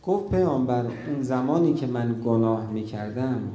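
A man preaching a religious sermon, telling stories with feeling and dropping to a hush at key moments. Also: mid-range voice, lively intonation, roomy sound. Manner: emotive storytelling, drops to a hush at key moments.

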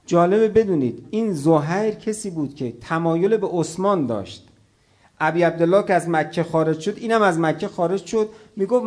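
A man preaching a religious sermon, speaking with passion. He swings between raised exclamations and soft, hushed passages, and addresses his listeners directly as brothers and sisters. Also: fairly high pitch. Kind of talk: religious sermon with recitation of a martyrdom story.

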